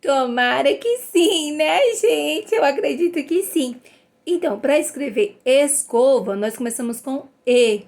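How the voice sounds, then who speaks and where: Slow high-voiced woman teaching phonics. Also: expressive, darkish tone. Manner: sounds out letters slowly, cheerful praise. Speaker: literacy teacher. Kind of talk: phonics lesson for young children.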